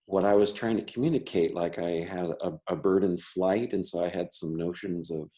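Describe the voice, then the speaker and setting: A man's voice: low voice, steady tone, normal speed, dark tone. A man who stutters, an artist and teacher talking casually in an interview, with many restarts and repeated words. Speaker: member artist.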